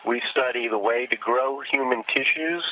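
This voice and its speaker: A man's voice: mid-range voice, normal speed. A man answering questions as an astronaut over a radio link from a spacecraft. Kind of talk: answering public questions from orbit. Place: aboard spacecraft in orbit. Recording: phone-like radio downlink, clear noise.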